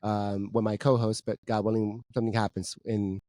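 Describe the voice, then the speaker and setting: A man from Peru, raised in New Jersey, speaking as a podcast guest in a casual faith chat, reflective and measured as he thinks aloud. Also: fairly low pitch, level tone, dark tone, dry recording.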